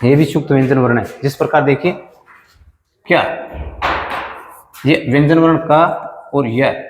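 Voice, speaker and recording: A man teaching a class lesson, patiently explaining how letters join, asking questions and answering them himself and repeating sounds slowly. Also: mid-range voice. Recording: echoey room with long reverb.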